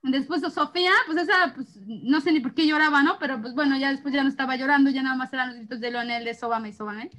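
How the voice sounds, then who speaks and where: A woman in her thirties with a Mexican accent tells a chaotic family story in casual chat. Her voice sits high, and she talks in an animated way, laughing often as she goes. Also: fast, few pauses. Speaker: co-host of an essential oils channel. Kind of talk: casual chat between sisters.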